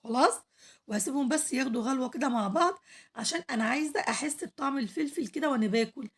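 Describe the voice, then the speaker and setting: A woman with an Egyptian Arabic accent, hoarse from losing her voice, chatting to viewers as she cooks on her home cooking vlog. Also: sits high, rapid-fire. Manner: chatty, addresses viewers directly, pleads for likes. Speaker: cooking channel host.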